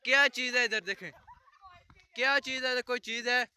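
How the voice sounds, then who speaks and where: High bright young man vlogging. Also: normal speed, clear, resonant tone. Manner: excited, chatty, teasing, often repeating himself. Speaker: vlogger host. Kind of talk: casual outdoor vlog chat. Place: outdoors at night with friends.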